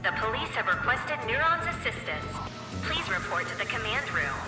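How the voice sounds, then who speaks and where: A composed female announcer for a video game, her formal, clipped call coming over a PA system. Her voice sits a little high and moves lively up and down, with music playing strongly behind. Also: moderate pace. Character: calm adult female station announcer. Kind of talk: game dialogue.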